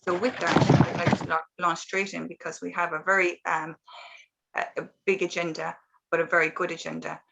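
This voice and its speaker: A woman with an Irish accent speaking as an MC, giving a formal, partly read introductory speech in a measured way, now and then stumbling over a word. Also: lowish voice, little pitch movement, vocal fry, very noisy. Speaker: event MC and community project manager.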